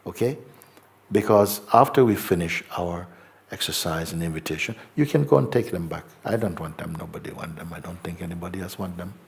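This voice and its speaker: Deep gravelly man guiding a meditation. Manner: slow, gentle, repetitive, hesitant. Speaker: spiritual teacher. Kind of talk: guided meditation talk. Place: meditation hall before a live audience.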